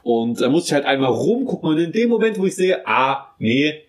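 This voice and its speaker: A man's voice: sing-song, fairly quick. A man in his twenties co-hosting a casual podcast, telling a rambling story and acting out the people in it. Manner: rambling storyteller, acts out quotes in a higher voice; frequent restarts and self-corrections. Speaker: podcast co-host. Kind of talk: casual chat.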